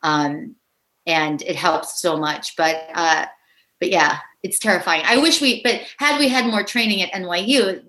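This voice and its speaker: A middle-aged woman from Pittsburgh talking casually as an interview guest. Her voice is bright and clear, and she tells her stories with lots of laughter, slipping into quoted voices. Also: fairly low pitch, measured pace. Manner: chatty, laughs often, acts out quoted voices. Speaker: actress guest.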